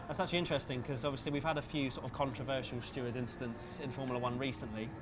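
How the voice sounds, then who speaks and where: At a busy gaming event, a man with a medium-pitched, steady voice hosts a casual interview beside a racing simulator, speaking at a racing pace over music. The recording clearly picks up vehicle and ambient background noise.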